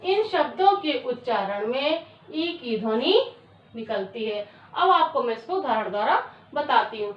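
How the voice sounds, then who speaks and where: A woman teacher giving a classroom lesson, who dictates slowly, repeats words and quizzes her students with questions. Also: on the high side, lively intonation, recorded from a distance. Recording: echoey, dull sound from away from the mic.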